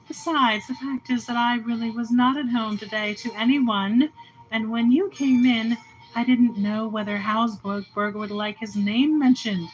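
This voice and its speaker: A woman's voice: a little high, natural voice, rough recording. A woman reading the lines of a young man who teases his friend in a jovial, bantering way. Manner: teasing and jovial.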